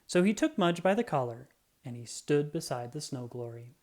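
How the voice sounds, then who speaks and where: A narrator with a mid-range voice reads a children's story aloud, using an expressive, deliberate storytelling manner.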